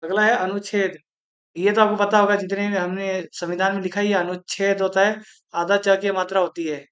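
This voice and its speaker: A man teaching a Hindi spelling lesson for exam preparation, slowly repeating each word and explaining its correct form. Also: sits high, level tone, fairly bright tone, muffled recording. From India.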